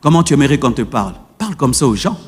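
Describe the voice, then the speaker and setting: A man preaching a sermon as pastor, shifting between gentle teaching and shouted exhortation. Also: medium pitch, sing-song, quick pace, husky, long reverb tail. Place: church.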